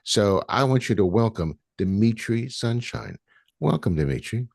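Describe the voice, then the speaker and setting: A man's voice: on the low side, expressive, normal speed, creaky, a little mellow, dry recording, studio quality. A man hosting a podcast interview, chatty and rambling, restarting his sentences often. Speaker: podcast host. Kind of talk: casual interview.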